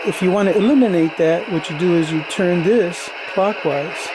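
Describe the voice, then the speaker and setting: A man with a high-sitting voice, speaking at normal speed, gives a casual, plain-spoken, step-by-step demonstration of radio gear, like a hobbyist showing how it works. The recording is noisy, with radio static and background noise.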